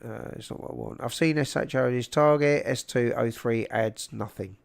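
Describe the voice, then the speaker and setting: A man's voice: mid-range voice, normal speed, creaky. A man with a South London accent hosting a livestream in casual, matey chat, speaking into a large close microphone. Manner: informal and matey, calling people "mate". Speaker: livestream host.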